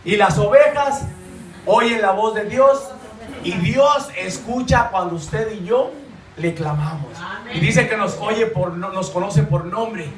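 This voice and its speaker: High-voiced shouting preacher. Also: male voice, slow, far from the mic, over music. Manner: fervent, often shouting, repeats phrases. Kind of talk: sermon. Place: church. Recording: echoey hall, voice from off the mic.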